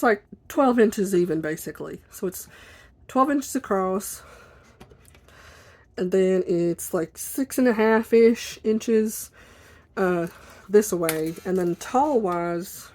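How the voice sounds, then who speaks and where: A woman chatting casually and informally at her desk for a video, in an apologetic, rambling way, with a squeaky chair that may creak behind her. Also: darkish tone. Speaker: video blogger. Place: at a desk indoors.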